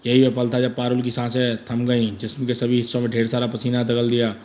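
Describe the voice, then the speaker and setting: A man's voice: mid-range voice, completely flat delivery, fairly quick, a little mellow, slight background noise. A man narrating a horror comic with dramatic emphasis.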